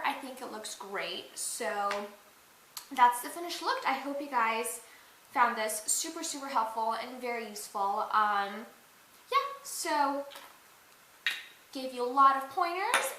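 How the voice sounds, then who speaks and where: Young woman, fairly high voice, chatty and giggly, makeup tutorial vlog, faint hiss. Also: a bit bright. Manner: chatty, giggly, lots of fillers. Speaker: beauty and dance vlogger. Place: indoors at a mirror. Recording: echoey room with faint hiss.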